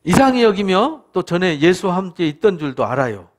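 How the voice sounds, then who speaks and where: High-voiced Korean pastor teaching scripture. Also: male voice, sing-song, a little fast. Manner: conversational, asks the listeners for agreement, acts out quoted speakers. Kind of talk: Bible study lecture.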